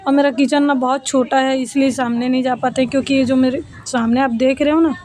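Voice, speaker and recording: Chatty high-voiced woman vlogging at home. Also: steady tone, fairly quick, a little mellow. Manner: chatty, addresses viewers as friends. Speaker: family vlogger. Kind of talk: casual home vlog narration.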